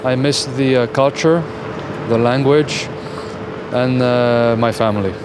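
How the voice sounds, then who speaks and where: Middle-aged guy in a street interview, halting, lots of uhs, traffic going by loud. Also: medium pitch, steady tone. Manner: halting, with many fillers. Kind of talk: vox-pop interview. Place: outdoors on a city street. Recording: outdoor traffic noise. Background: traffic and cars.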